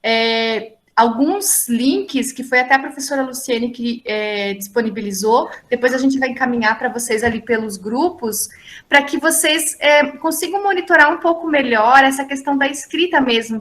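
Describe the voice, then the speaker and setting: A woman's voice: fairly high pitch, sharp tone. A woman teacher explaining a lesson over a video call, chatty and full of tag questions and fillers. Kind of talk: online class explanation.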